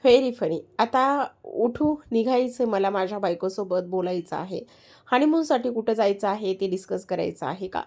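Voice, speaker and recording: A woman's voice: medium pitch, lively intonation, normal speed, darkish tone. A woman doing a teasing, bickering younger brother.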